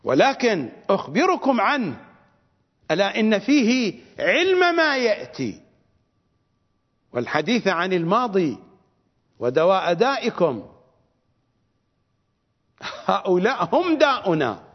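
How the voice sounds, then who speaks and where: A man's voice: sits high, wildly swooping pitch, measured pace, long pauses. A man with an Iraqi Arabic accent giving a religious lecture as a cleric, fiery and scornful, repeating phrases for stress. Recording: reverberant dull lo-fi recording.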